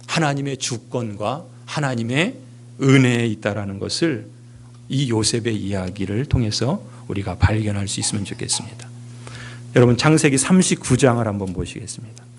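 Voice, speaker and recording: A middle-aged man preaching a sermon as pastor in a church, stressing key words loudly and then dropping to hushed, almost whispered phrases. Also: mid-range voice, moderate pace. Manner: emphatic, swinging between raised stresses and hushed near-whispers. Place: church sanctuary.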